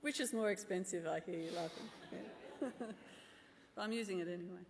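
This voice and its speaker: A woman's voice: mid-range voice, normal speed, background noise. A middle-aged woman, answering questions as a medical conference speaker in a candid, drily humorous way. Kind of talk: answering audience questions after a medical talk. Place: large conference room. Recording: echoey hall with long reverb.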